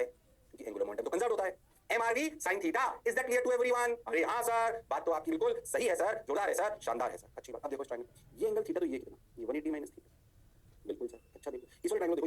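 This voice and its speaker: Fast-talking, lively physics teacher man. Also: fairly high pitch, breathy edge. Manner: lively, sing-song, answers his own questions. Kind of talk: online physics lecture.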